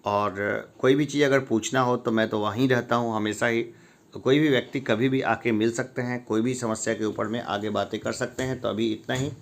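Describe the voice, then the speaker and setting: A man's voice: medium pitch, steady tone, normal speed. A man teaching a grammar lesson, reading each wrong form, asking what the right one is, and then giving it. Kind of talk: informal spoken lesson.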